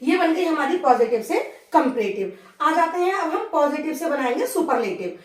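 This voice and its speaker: A woman teaching an English grammar lesson step by step. She dictates the example sentences slowly, word by word, and keeps checking in with the class with a rising "okay". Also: sits high, animated, echoey room, distant mic.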